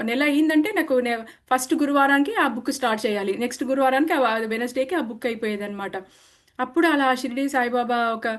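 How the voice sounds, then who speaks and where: Earnest indian woman telling her own story, voice a bit high, lots of restarts and english words mixed in. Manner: earnest, full of restarts and cut-off words, mixes English words into Telugu. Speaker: meditation practitioner sharing her experience. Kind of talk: personal testimony, conversational.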